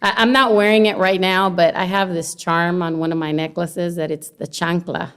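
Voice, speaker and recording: Lively middle-aged woman from Honduras. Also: fairly low pitch, normal speed, smooth. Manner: lively storyteller, laughs often. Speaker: guest, longshore worker and former teacher. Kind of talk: casual interview conversation.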